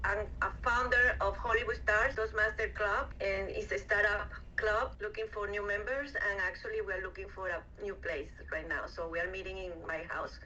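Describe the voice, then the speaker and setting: A woman from Venezuela chatting on a video call, talkative and quick to laugh. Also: mid-range voice, fairly even intonation, sharp tone, a little hiss or hum. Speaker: club founder. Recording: distant dull video call audio.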